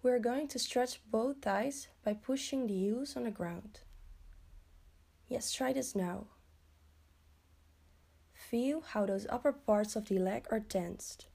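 Woman, relaxation guide; unhurried, mellow, soothing delivery. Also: a little high, vocal fry, breathy edge. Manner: slow, soothing, instructional. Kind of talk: guided progressive muscle relaxation.

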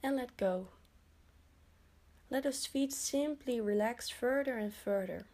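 Slow, soothing woman guiding relaxation. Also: a little high, a little mellow. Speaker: relaxation guide. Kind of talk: guided progressive muscle relaxation.

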